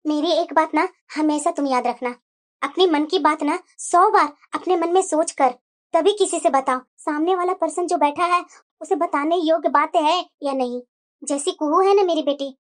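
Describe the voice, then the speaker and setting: A voice actor playing a stern older mother-in-law in a cartoon, lecturing slowly and firmly. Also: very high-pitched, pitched below the performer's own voice. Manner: slow, measured, lecturing. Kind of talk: cartoon voice acting.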